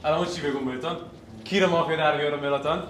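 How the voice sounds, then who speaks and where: Male player doing a Mashhadi dialect, playful and mocking, slightly high voice. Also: steady tone, a bit bright, echoey room, faint music behind, lightly acted. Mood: joking. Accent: Mashhadi Persian. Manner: playful, teasing. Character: man putting on a Mashhadi dialect, joking.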